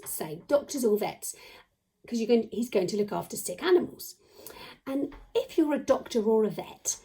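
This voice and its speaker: A woman teaching a children's phonics lesson from home, playful and animated, often whispering and stretching out letter sounds as she chats with a puppet. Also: medium pitch, gravelly.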